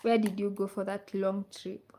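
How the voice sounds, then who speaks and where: A woman's voice: mid-range voice, flat delivery, moderate pace, mellow. A woman from Kenya hosting a casual livestream, reading out viewer comments and repeating her questions to the audience. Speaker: livestream host. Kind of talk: casual live chat with viewers.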